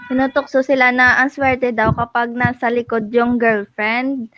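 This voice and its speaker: A woman's voice: fairly high pitch, level tone, a little slow, a bit bright, no echo, muffled recording, faint music behind. A Filipino woman answering a host's questions in short, hesitant replies. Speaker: guest. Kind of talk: casual chat.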